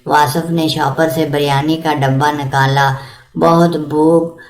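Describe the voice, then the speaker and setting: A woman narrating a moral story in a plain, steady reading. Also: low-pitched, distant mic. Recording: echoey room.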